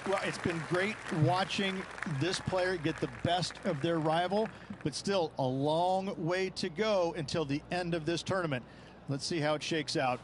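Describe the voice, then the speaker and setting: A man's voice: on the high side, measured pace, lightly acted. A man giving analysis as a golf tournament co-commentator. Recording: very loud crowd and outdoor noise.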